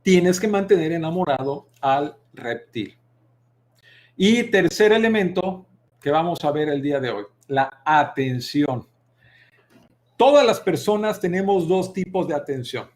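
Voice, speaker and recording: This is a live online masterclass from a Mexican public speaking teacher with a Mexican Spanish accent. Lively and expressive, he modulates loudness, pitch and pace deliberately to illustrate technique while talking straight to his viewers.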